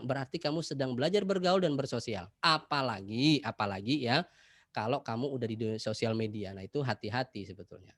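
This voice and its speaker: A man giving an online class talk to schoolchildren, lively and addressing them directly over a video call. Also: on the high side, dry recording, studio quality. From Jakarta. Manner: lively, addresses children directly, acts out examples. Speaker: presenter for schoolchildren.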